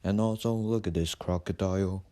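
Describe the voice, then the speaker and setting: A man ad-libbing comic nature documentary commentary in a casual, deadpan, mocking manner. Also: low-pitched, normal speed. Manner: deadpan, casual, sweary mockery. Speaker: narrator of a parody nature documentary.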